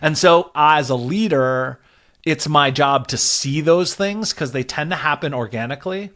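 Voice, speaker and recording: A product and growth leader appears as a male interview guest, talking through work ideas in a conversational way and frequently checking in with "right?". His voice sits a little high, with a measured pace and a fairly bright tone.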